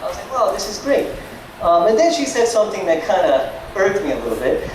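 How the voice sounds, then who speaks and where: On a nightclub stage at an open mic, a young man tells stand-up stories to the audience in a hesitant, self-deprecating way, his high voice sing-song and fast. The far-off mic picks him up in an echoey room over a noisy crowd.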